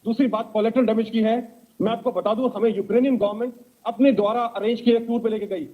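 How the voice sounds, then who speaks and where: A man, a reporter, giving a measured, explanatory account of his reporting. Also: very high voice, steady tone. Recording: tinny phone-like playback.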